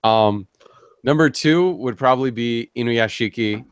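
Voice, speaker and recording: A man's voice: medium pitch, measured pace, clear, resonant tone, dry recording. Man, young adult, podcast co-host, blunt, swears, dry recording. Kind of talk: casual group podcast chat.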